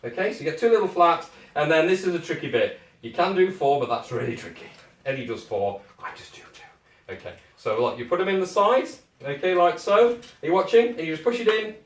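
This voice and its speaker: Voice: mid-range voice, very animated, a little fast. British accent, children's party magician, step-by-step craft instructions, jokey encouragement, frequent check-in questions, echoey room, distant mic. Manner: checks often with short questions to the group.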